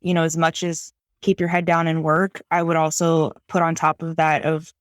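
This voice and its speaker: Enthusiastic young woman agent, smooth voice. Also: deep voice, completely flat delivery, normal speed, no room sound, studio quality. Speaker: new FBI special agent. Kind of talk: podcast Q&A advice.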